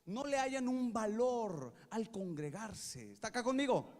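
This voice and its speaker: High-voiced, lively preaching man. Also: unhurried. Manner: animated preaching, has the congregation repeat after him and asks if they follow. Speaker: pastor. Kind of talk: sermon. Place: church sanctuary. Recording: long hall reverb from a church.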